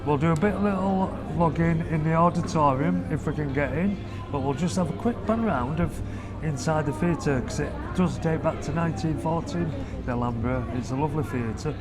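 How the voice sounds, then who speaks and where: A family vlogger with a slightly high voice at a moderate pace films on a handheld camera, giving a loose, chatty walking tour inside a theatre through the foyer and a private box. Music plays under his narration.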